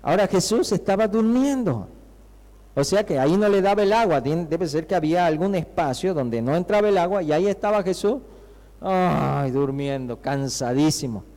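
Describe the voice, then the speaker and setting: Man, Argentine accent, pastor's sermon, fairly high voice, conversational questions to the congregation, long church-hall reverb. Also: animated, brisk. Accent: Argentine Spanish. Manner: conversational preaching, rhetorical questions, acts out shouting disciples.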